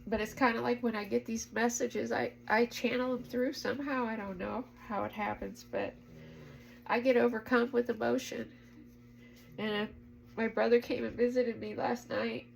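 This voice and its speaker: Gravelly, emotional woman vlogger. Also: a little high, flat delivery, moderate pace, a little hiss or hum, rough recording. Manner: emotional, earnest, urging. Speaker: spiritual vlogger. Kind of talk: heartfelt spiritual vlog talk.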